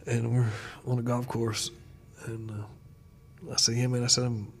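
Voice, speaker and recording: A man who is a pastor, telling stories in a casual chat and getting animated when he retells dialogue. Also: medium pitch, unhurried, vocal fry, faint music behind. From United States. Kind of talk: casual conversation, storytelling.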